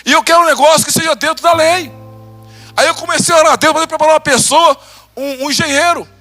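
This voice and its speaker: Brazilian pastor telling his story, really high voice, acts out the dialogue, music under it. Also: quick pace. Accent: Brazilian Portuguese. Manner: animated, acts out dialogue, laughs. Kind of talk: sermon, testimony storytelling.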